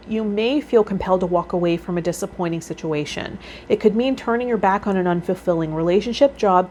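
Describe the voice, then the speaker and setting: A woman with a mid-range, darkish voice hosts a tarot vlog series as a healer, reading card meanings aloud and adding her own casual commentary. Noticeable background noise runs through the recording.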